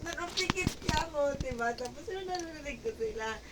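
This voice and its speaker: A woman with a high voice tells a lively, laughing story in casual chat. She sounds set back from the microphone, with loud noise running behind her. The talk stays loose and animated. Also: a little fast. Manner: animated, laughs often while telling a story. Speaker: gamer chatting while playing. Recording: distant mic with loud background noise.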